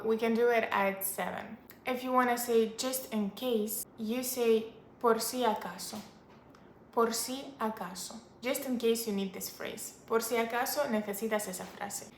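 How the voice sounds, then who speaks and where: A woman teaching useful phrases in a chatty, upbeat way, repeating each phrase slowly for her learners. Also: on the high side, echoey room, slight background noise. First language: not Spanish or English. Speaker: language teacher. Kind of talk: casual language lesson to camera.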